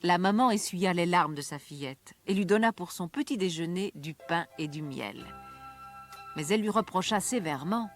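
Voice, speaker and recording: A woman narrating a children's story in a lively, sing-song reading voice. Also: fairly low pitch, normal speed, soft background music.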